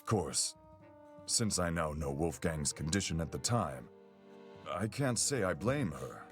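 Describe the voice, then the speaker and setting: A man's voice: low voice, lively intonation, measured pace, faint music behind. A man voicing a blunt, protective young male student in a game, folksy and plain-spoken. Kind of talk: game voice acting.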